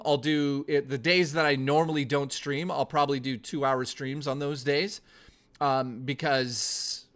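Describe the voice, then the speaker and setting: A man's voice: medium pitch, fairly bright tone. A man chatting casually on a live stream, joking, swearing and answering chat messages. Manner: profane, joking, teasing.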